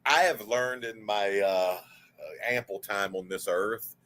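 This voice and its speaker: A man's voice: fairly low pitch, takes it slowly. A man in his forties, a guest on a livestream, chatting casually and telling stories in a candid way, swearing freely. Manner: animated, candid storyteller who swears freely.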